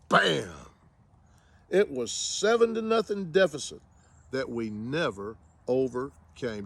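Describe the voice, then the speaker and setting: Slow, wry man reviewing a game. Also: mid-range voice. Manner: wry, sarcastic humor. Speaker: fan reviewing a football game. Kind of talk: casual spoken game review.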